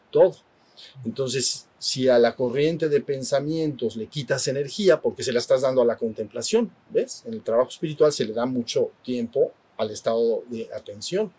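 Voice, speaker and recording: A man's voice: mid-range voice, a little mellow, slightly rough. A middle-aged man gives a conversational spiritual talk to a group, often asking whether they are following. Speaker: spiritual retreat teacher.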